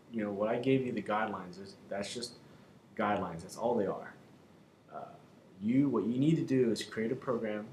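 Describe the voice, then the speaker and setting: A man giving an informal instructional talk as a fitness coach, explaining in a hesitant, repetitive way. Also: medium pitch. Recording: roomy echo, faint background noise.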